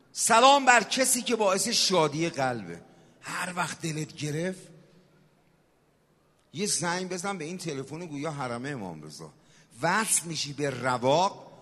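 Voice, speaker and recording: A man preaching a sermon, swinging from shouted exhortation to soft, hushed storytelling. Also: sits high. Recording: long hall reverb.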